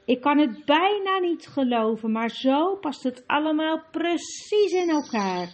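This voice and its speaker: A woman doing a calm young high king. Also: unhurried, a little hiss or hum. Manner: calm, reasonable. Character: calm boy, eldest brother and leader.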